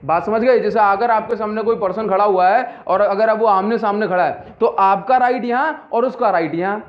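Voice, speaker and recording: A man's voice: sits high, moderate pace. A man teaching a physics lesson, who keeps repeating key terms and asking his students whether they have understood. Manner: mixes in English terms, asks and answers his own questions. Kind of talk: classroom lecture. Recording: dull lo-fi audio.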